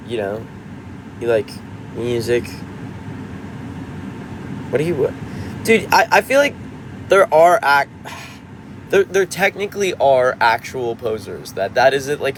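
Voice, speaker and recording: A man's voice: medium pitch, slight background noise. A man in his twenties, a musician chatting casually on a livestream, reading out comments and rambling with frequent restarts. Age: 20s.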